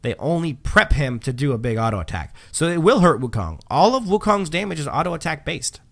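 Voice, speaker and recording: Reading patch notes aloud, a livestream host chats casually in a brisk, sing-song voice that sits on the high side. He fills his talk with frequent ums and restarts.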